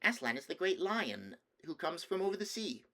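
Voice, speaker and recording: A man's voice: high-pitched, sing-song, moderate pace, pushed and bright, pitched above the performer's own voice, exaggerated voice. A man voicing an innocent, earnest little boy prince in a storybook, childlike and prone to babbling. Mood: eager, innocent.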